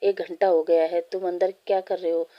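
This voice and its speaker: A woman's voice: lowish voice, level tone, moderate pace, dull audio, natural voice. A woman voicing a young man, a firm boss in love, in a fan story read aloud.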